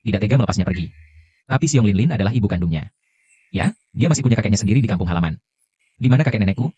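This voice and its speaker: A man's voice: fairly low pitch, animated, very fast, warm tone, breathy edge, highs cut off. A man dubbing a worried adult son in a TV drama, coaxing his father in a soothing manner. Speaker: dubbed drama character. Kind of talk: dubbed TV drama acting.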